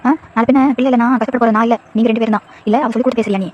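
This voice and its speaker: A bitter middle-aged mother-in-law, put on by a woman narrator in a storybook reading. She nags with a flat, rapid tone and fires off reproachful questions. The delivery is quick and level in pitch. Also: highs cut off, slight background noise, lightly acted. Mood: scolding. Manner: reproachful, nagging, hurled rhetorical questions.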